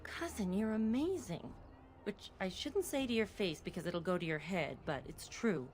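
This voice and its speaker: A woman's voice: medium pitch, lively intonation, moderate pace, a little mellow, slight background noise, lightly acted. A woman playing an affectionate, teasing young elf cousin in a video game, with a playful, familiar and bossy way of talking. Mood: fond teasing.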